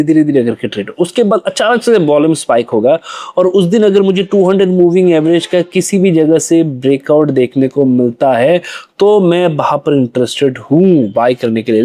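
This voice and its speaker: A man's voice: a little high, dark tone. A young man explaining trading charts as a lesson, asking questions and answering them himself, repeating phrases for emphasis. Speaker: trading educator.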